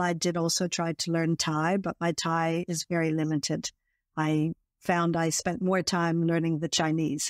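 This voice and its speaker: A Canadian woman being interviewed, explaining her work in a fluent, measured way. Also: sits low, no room sound, clean studio sound. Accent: Canadian English. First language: bilingual English and French. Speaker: guest, marketing consultant. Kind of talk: interview answers.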